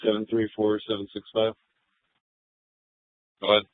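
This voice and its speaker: Low flat male officer on police radio. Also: moderate pace, no room sound. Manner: clipped, procedural, informal. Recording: narrowband police radio scanner feed.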